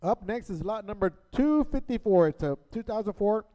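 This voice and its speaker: Mellow, high-voiced man announcing auction lots. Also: lively intonation, moderate pace. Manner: short, clipped item-by-item statements. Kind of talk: announcing vehicle listings. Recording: echoey hall with long reverb.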